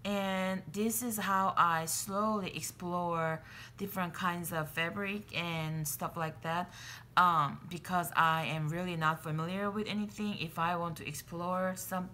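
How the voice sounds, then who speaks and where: Excitable chatty woman vlogger. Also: fairly low pitch, measured pace, a little hiss or hum. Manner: chatty, excitable, many fillers and restarts. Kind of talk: casual chat to camera.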